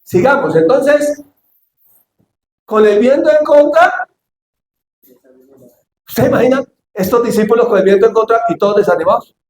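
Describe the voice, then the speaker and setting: A man preaching a sermon as pastor, acting out Bible scenes and shouting for emphasis. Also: very high-pitched, lively intonation, moderate pace, pauses often. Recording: echoey church hall, faint ambience.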